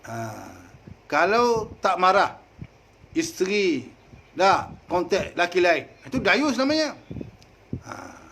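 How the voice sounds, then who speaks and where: A man with a Malaysian Malay accent giving a folksy sermon, dropping frequent "ha" interjections and swinging from loud to soft. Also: high-pitched, slight background noise. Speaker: preacher.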